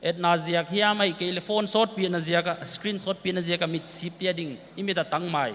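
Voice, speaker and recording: Man, high-pitched, explanatory festival talk in a big reverberant hall. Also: steady tone, racing, a bit bright. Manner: explanatory, lists nutrients and terms. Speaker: festival speaker. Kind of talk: informational talk. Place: large hall.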